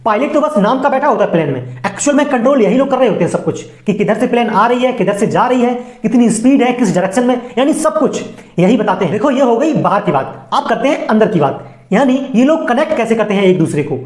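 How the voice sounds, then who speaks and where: This Indian-accented narrator of an explainer video has a slightly high, somewhat mellow voice, lively intonation, and a fast delivery. She addresses viewers directly in a chatty, colloquial way with playful asides. The recording is a roomy, echoing voice-over.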